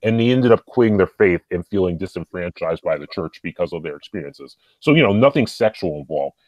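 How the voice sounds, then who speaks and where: A man's voice: deep voice, animated, brisk, darkish tone, dry recording. A man speaking as a podcast guest, rambling casually with lots of fillers like "and stuff.".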